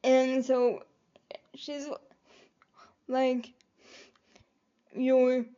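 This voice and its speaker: A woman's voice: high voice, fairly even intonation, slow pace, warm tone, lo-fi sound. A woman vlogger talking to her viewers in a rambling, hesitant way, with many fillers and restarts. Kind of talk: reflective personal vlog.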